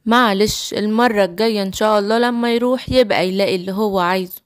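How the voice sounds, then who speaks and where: A woman voicing a gentle, caring mother in a children's cartoon story, speaking soothingly with an Egyptian Arabic accent. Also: mid-range voice, fairly even intonation, quick pace, smooth, no echo, clean studio sound, natural voice.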